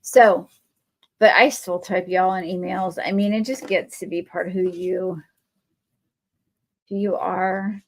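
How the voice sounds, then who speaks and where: A woman with a Texan accent and a lowish, level voice hosts a live crafting stream, talking unhurriedly and pausing often. She chats with viewers in a rambling, friendly way as she works, answering their comments.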